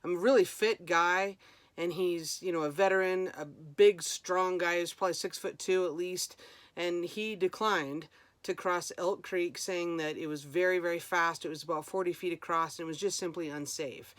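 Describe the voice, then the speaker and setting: A woman's voice: fairly low pitch, steady tone, normal speed, dry recording. A woman talking casually for a vlog as a hiker, chatty and informal, thinking aloud as she goes. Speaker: vlogger, hiker.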